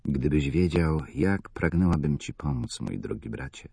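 A man voicing a gentle, worried young woman, the narrator's sister, in a soft, pleading manner. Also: rumbling low, animated, measured pace, vocal fry, breathy edge, full character voice. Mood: tender, pleading.

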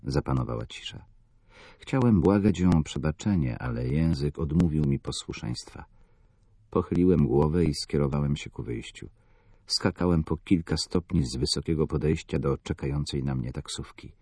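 A man narrating a novel in the first person, measured and somber. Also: very deep voice, dark tone, husky, no echo, clean studio sound. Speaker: audiobook narrator.

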